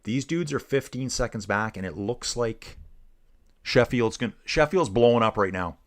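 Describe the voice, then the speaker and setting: A middle-aged man with a medium-pitched, expressive voice talks at normal speed while casually commenting on a live bike race. He chats with viewers, reads their chat aloud, and keeps it laid-back, saying "dude" a lot.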